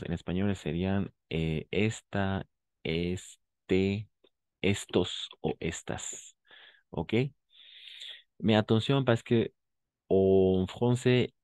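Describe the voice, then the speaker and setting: A man with a deep, low voice teaches a French class. He explains pronunciation patiently, saying example words slowly and stopping often to check that students follow. The recording is close and dry, with no room sound. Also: dark tone, no echo.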